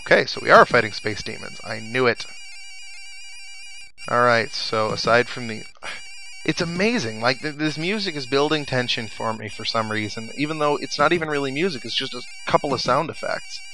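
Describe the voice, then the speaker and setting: A let's play commentator muses to himself and reads bits of the story aloud while gaming casually. His mid-range voice swoops wildly in pitch at a normal speed, and the rough recording has game music and sound effects behind it.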